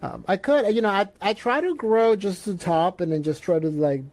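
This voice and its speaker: A young man from Peru talks easily as a guest on a podcast. His voice sits a little higher than most men's, and he often pauses on fillers and starts his sentences over. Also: a little mellow. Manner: hesitant, many fillers and restarts. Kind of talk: casual chat.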